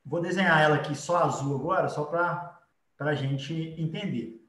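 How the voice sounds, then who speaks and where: Slightly high and fairly bright, this man's voice keeps a moderate pace as he lectures informally on biology while drawing. He has a Brazilian accent, explains casually, and often checks in with short tag questions, all recorded on a distant mic amid room echo.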